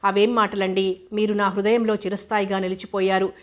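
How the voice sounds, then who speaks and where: A woman voicing a teasing, affectionate young husband who is a doctor, in the same even tone she uses for narration. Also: medium pitch, fairly quick, close to an everyday voice. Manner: teasing and fond. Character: young man, a playful affectionate newlywed doctor.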